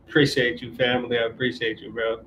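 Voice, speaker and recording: A man's voice: mid-range voice, little pitch movement, brisk, fairly bright tone, lo-fi sound, a little hiss or hum. A man in his twenties hosting a casual live stream Q&A, talking in a laid-back way, reading viewer questions and giving relationship advice. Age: 20s. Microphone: camera on auto-tracking mount.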